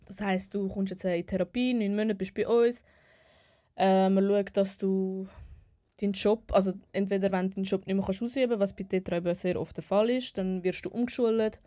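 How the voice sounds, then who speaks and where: A woman's voice: medium pitch, steady tone, moderate pace, warm tone. A young woman with a Swiss German accent, a nurse talking frankly and casually on a podcast, restarting sentences and laughing easily. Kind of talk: casual chat.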